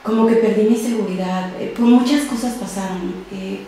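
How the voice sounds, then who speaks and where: A young adult woman, a podcast guest telling her own story in an interview, speaking softly and often trailing off quietly. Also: medium pitch, normal speed, slight background noise. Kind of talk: personal testimony in an interview. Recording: very echoey room.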